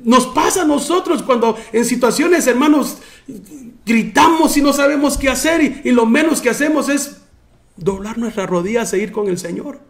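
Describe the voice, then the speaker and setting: High-voiced man preaching a sermon. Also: moderate pace, vocal fry. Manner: preaching with repeated "hermano" and restarts. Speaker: pastor.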